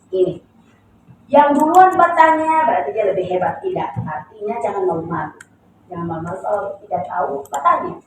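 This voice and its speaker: A woman teaching English to a class, lively, stretching and repeating words to show stress. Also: medium pitch, a little fast, a little hiss or hum. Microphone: distant room recording. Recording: echoey classroom recorded from far off.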